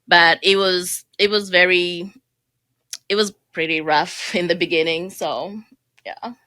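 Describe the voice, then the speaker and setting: A woman's voice: fairly low pitch, steady tone, unhurried, pushed and bright, no room sound. A woman in her thirties, from Burundi and raised in Kenya, telling her story as a podcast guest in a chatty way, laughing easily. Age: 30s. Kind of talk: casual interview.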